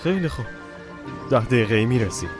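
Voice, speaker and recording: A man's voice: medium pitch, animated, music in the background, natural voice. An actor playing a lovesick young man who pleads and coaxes his girlfriend in a TV drama. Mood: coaxing. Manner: pleading, coaxing. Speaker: young lover. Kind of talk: TV drama dubbed dialogue.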